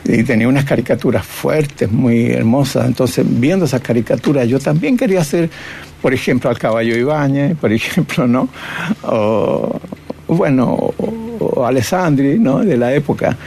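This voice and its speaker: A man's voice: medium pitch, animated, normal speed, vocal fry, darkish tone, a little hiss or hum. An older man, a cartoonist and painter reflecting on his career in an interview, often tagging his phrases with "¿no?". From Chile. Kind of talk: reminiscing interview.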